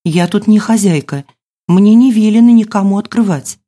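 A woman's voice: medium pitch, moderate pace, dark tone, voice pushed up, natural voice. A woman reader voicing a sleepy, suspicious older woman speaking through a locked door in an audiobook. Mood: wary. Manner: suspicious, hesitant.

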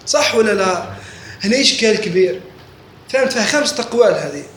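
A religious teacher with a high, fast, slightly bright voice and lively intonation delivers a classroom lesson, frequently pausing to ask whether his students are following. The room is echoey, with faint background noise.

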